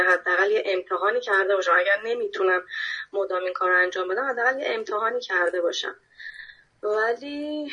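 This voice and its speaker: A woman speaks up in an online class, polite and earnest, with a bright but husky tone. The call audio sounds dull and lo-fi. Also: mid-range voice. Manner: polite, earnest, thinks aloud with repeated fillers. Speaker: workshop participant.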